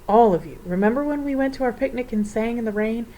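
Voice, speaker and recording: A woman voicing a fussy, flustered old male professor in a storybook reading, with excitable old-fashioned exclamations. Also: on the high side, fast, slight background noise, pitched above the performer's own voice, low-quality recording. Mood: rousing.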